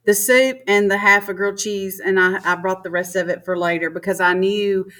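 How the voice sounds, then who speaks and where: A woman's voice: mid-range voice, fairly even intonation, normal speed, a bit bright. A woman with a Southern accent from Mississippi, chatting casually as a guest in a folksy, emphatic way. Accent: Mississippi, American South. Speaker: podcast guest. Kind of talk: casual chat.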